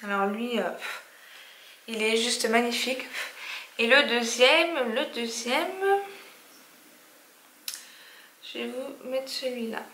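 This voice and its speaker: Woman beauty vlogger, casual review, halting delivery full of fillers, fairly high bright voice, echoey room. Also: a little hiss or hum. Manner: hesitant, many fillers and restarts.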